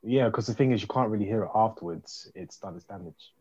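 A man's voice: fairly low pitch, quick pace, darkish tone, husky, highs cut off. A man co-hosting a podcast with casual banter.

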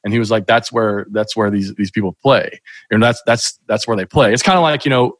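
Middle-aged guest, low voice, loose rambling storyteller, dry close recording. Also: male voice, brisk, fairly bright tone, no room sound. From Kentucky, USA. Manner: rambling, many restarts and fillers. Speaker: podcast guest, sports podcaster. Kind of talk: casual interview storytelling.

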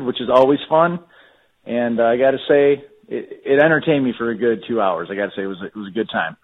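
A man calling in to a podcast hotline, leaving a casual, rambling voice message full of fillers. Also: medium pitch. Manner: chatty, filler-laden, keeps saying "I gotta say". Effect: phone voicemail. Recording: tinny phone-line voicemail.

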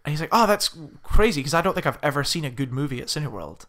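A young man co-hosting a podcast in casual chat, animated and swearing often as he acts out the people in his stories. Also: mid-range voice, very fast. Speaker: podcast co-host.

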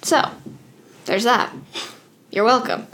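A woman co-hosting a podcast in casual chat, rambling and poking fun at herself with quick asides. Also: on the high side, fairly bright tone. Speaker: podcast co-host.

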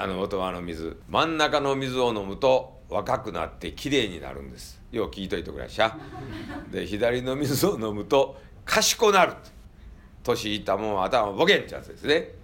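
A man's voice: on the low side, vocal fry, a bit bright, slight background noise. A man with a Kansai accent, a temple monk giving a joking, folksy talk to a tour group.

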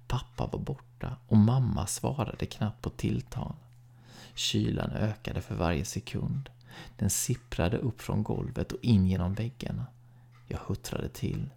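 A man with a gravelly, husky voice reading a horror short story aloud in a calm, measured way, dropping to a hush at times. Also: lowish voice.

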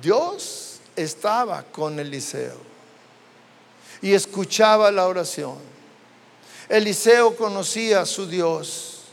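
A Mexican man preaching with a very high voice, his words trailing off into the long reverb of a church hall. He tells the story dramatically and acts out the voices of its people. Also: lively intonation, slow, vocal fry, pauses often. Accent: Mexican Spanish. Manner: dramatic storytelling, acting out biblical dialogue. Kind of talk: sermon.

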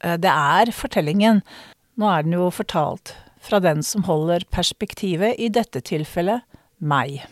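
Low-voiced middle-aged woman storyteller. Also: lively intonation, dry recording, clean studio sound. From Norway. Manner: measured, reflective, with drawn-out dramatic words. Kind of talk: spoken storytelling performance.

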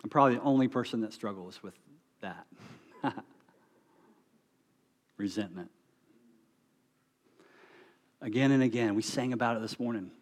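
A man's voice: medium pitch, normal speed, long pauses. Man preaching an earnest sermon. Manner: earnest preaching, rising to emphatic peaks then dropping soft. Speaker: pastor.

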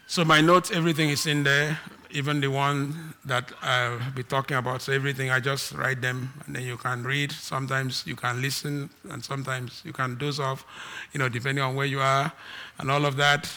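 In a sermon that alternates loud, emphatic statements with quiet asides, a Nigerian man speaks at normal speed with a Nigerian accent. His pitch is medium and his delivery flat.

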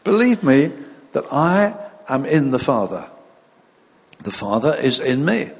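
A man, a pastor at a pulpit microphone, reading scripture, praying and preaching in a measured, deliberate way. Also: mid-range voice, very animated, vocal fry, husky. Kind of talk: sermon with scripture reading and prayer. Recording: long reverb of a large hall.

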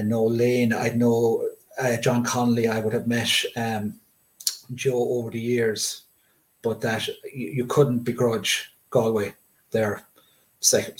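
A middle-aged man from Limerick with a west of Ireland accent, recalling sport in measured detail. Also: medium pitch, darkish tone, poor audio. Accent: Irish, west of Ireland. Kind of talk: reminiscing sports discussion.

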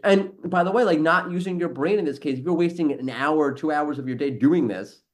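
Here the same kind of host, an SEO professional and ex-teacher, talks fairly quickly in a slightly high voice. His casual podcast delivery is sarcastic, blunt, and a little profane.

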